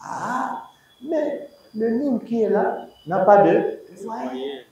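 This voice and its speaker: Teacher, slow and very animated, quizzes his class, recorded from afar in an echoey room. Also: sits high, muffled recording, crowd noise. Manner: emphatic, repeats words and quizzes students. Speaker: Hebrew teacher. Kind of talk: university lecture. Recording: echoey room, distant mic.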